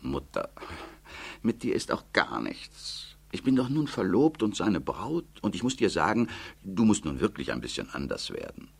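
A man's voice: sits low, wildly swooping pitch, normal speed, creaky, breathy edge, heavily acted. A man reading a stern, lecturing young woman. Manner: firm, lecturing, matter-of-fact.

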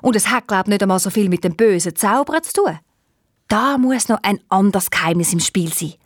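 A woman with a Swiss German accent voicing a thoughtful, stately male stork caliph who speaks in a measured way. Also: mid-range voice, lively intonation, no echo, clean studio sound, natural voice. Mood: pensive. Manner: pensive, measured.

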